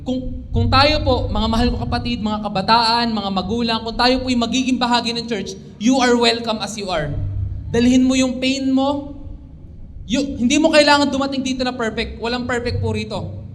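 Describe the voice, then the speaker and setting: Young Filipino male preacher, earnest, high-pitched, recorded in a reverberant church hall with faint background hum. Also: normal speed. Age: young adult. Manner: earnest, mixes English into his talk, pleading at times. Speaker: pastor. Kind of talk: sermon.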